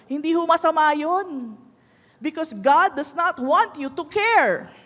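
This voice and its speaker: A woman pastor with a Filipino accent preaching a sermon in a mix of Tagalog and English. She calls out for amens and slows to a soft hush on key lines before rising loud again. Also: sits high. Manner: switches between Tagalog and English, asks the crowd for amens; slows right down and softens on key lines, then rises loud. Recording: long hall reverb.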